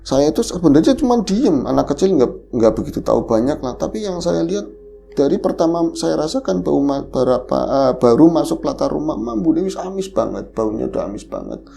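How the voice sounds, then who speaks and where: Podcast host telling a horror tale, super gravelly voice, lively and jumpy delivery. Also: mid-range voice, brisk, slight background noise. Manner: animated storyteller, voice jumping up on scary moments. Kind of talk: retelling a horror story in casual chat.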